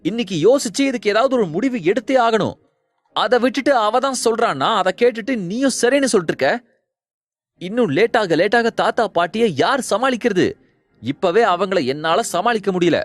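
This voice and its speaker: A man's voice: high voice, lively intonation, brisk, no room sound. A man voicing an impatient, hot-headed young man who scolds his friend. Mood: agitated. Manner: agitated, scolding.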